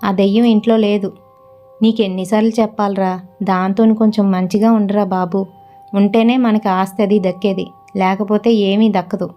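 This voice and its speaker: A woman's voice: mid-range voice, little pitch movement, moderate pace, muffled recording, soft background music, lightly acted. Older mother-in-law, scheming and coaxing, put on by a female storyteller. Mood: scolding.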